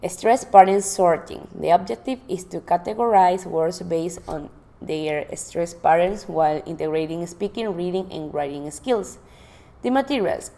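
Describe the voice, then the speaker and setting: Slow, mellow-voiced woman presenting a lesson plan. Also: low voice. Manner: reads from notes with frequent restarts and self-corrections. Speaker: teacher presenting classroom activities.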